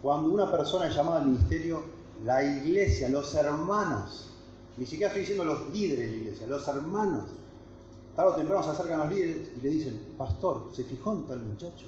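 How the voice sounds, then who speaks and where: A guest pastor with a Rioplatense Spanish accent leads a camp workshop, earnest and emphatic, frequently restarting and using tag questions to check in with the room. His voice is fairly high, animated, fairly quick and a little mellow. The recording is an echoey hall with dull lo-fi sound and slight background noise.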